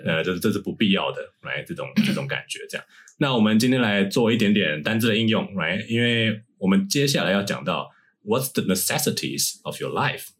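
A man's voice: fairly low pitch, lively intonation, brisk, fairly bright tone, husky. A man hosting a casual podcast as an English teacher, laughing often and slipping English words into his talk.

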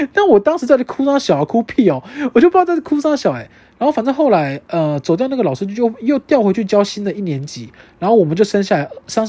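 A young adult podcast host with a Taiwanese Mandarin accent, telling a story in casual chat, animated and swearing freely. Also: medium pitch, no room sound.

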